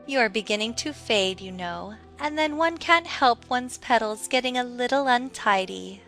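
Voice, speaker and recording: A smug garden rose, voiced by a woman in a children's audiobook, talking down in an airy way. The voice is fairly high and bright, with soft music behind. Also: expressive, a little slow. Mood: condescending. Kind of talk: dramatized children's audiobook acting.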